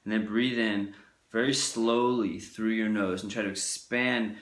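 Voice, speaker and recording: A man teaching singing in a loose, profane, casual way, speaking to his camera. His voice sits low. He is recorded in an echoey room that rings around him. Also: fairly even intonation, a little slow, fairly bright tone. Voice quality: loose and profane, acts out timid and bold voices. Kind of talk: casual video lesson. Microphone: camera mic he handles.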